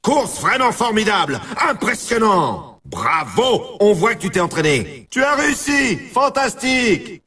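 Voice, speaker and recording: A brash, showy announcer for an arcade snowboard race, his high voice swinging widely as he punches out exclamations with a bright, forceful edge. The exaggerated, slightly rough delivery keeps a measured pace on a distant mic, hyped and congratulatory like big video game hype from beginning to end.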